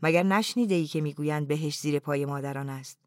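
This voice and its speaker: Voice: medium pitch, no room sound, studio quality, lightly acted. A reader voicing a weary, wry doctor who mutters and answers curtly.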